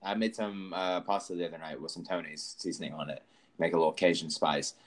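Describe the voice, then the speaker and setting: A man's voice: low voice, fairly even intonation, a little fast. A man hosting a casual sports podcast, asking easygoing, rambling questions. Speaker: podcast host.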